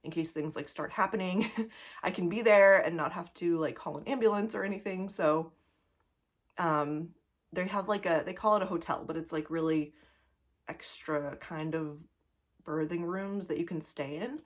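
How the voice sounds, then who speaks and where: A woman's voice: fairly low pitch, moderate pace. A pregnant woman in her thirties chatting casually to camera as a cross-stitch vlogger, laughing often and a little out of breath, full of likes and ums. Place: home, two-bedroom apartment.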